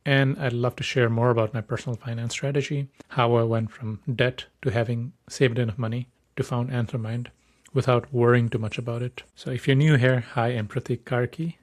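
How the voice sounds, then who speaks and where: Young male podcast host from Nepal, mid-pitched, eager, talks in quick bursts with frequent self-corrections. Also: steady tone. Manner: upbeat, enthusiastic, restarts words often. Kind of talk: solo podcast monologue.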